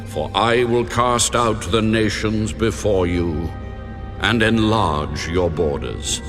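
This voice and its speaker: A man playing a solemn, commanding God in a dramatized scripture reading, speaking in a grave, measured, authoritative way. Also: lowish voice. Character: the Lord God, solemn commanding male deity.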